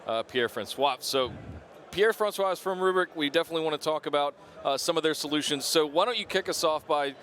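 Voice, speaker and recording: A man's voice: a little high, quick pace, a bit bright. A man hosting a live-stream interview in a chatty, informal, casual way. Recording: noisy busy event floor background.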